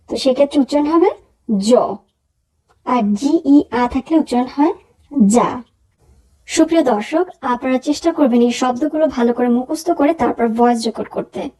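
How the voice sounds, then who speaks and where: A woman giving a language lesson, saying each word twice slowly and explaining its pronunciation. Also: high voice, warm tone, low-quality recording. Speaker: language teacher.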